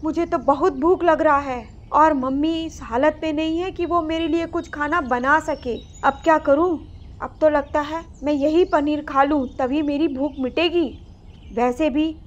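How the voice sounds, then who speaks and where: A woman's voice: high-pitched, steady tone, measured pace. A woman voicing a stubborn, greedy young boy rat in a storybook cartoon, with a whiny, pleading manner. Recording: slightly muffled recording.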